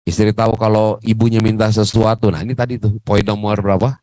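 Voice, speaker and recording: Lower-voiced male radio moderator. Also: little pitch movement, fast, mellow, no echo, rough recording. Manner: conversational, reflective. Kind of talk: religious talk on radio. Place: radio studio.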